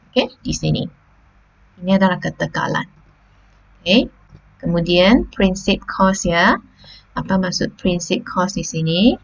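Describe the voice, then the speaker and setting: A woman's voice: fairly low pitch, muffled recording. A Malaysian woman teacher taking students through a lesson step by step, often checking in with "okey" and "ha?". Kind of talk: classroom lesson on slides.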